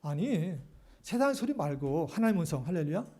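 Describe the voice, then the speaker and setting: A man's voice: fairly high pitch, very animated, brisk, a little mellow. A male pastor preaching a sermon, speaking animatedly to the congregation and often asking rhetorical questions.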